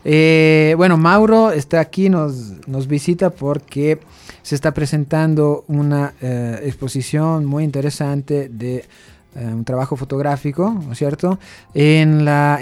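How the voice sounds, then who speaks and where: A man hosting a conversational radio interview, phrasing things with drawn-out, hesitant fillers. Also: fairly high pitch, darkish tone. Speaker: radio host. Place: radio studio.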